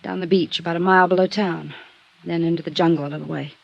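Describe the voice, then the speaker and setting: A woman's voice: on the low side, fairly even intonation, quick pace, gravelly, highs cut off. An actress playing a stranded, pleading, world-weary American woman in a 1950s radio noir drama, earnest and guarded.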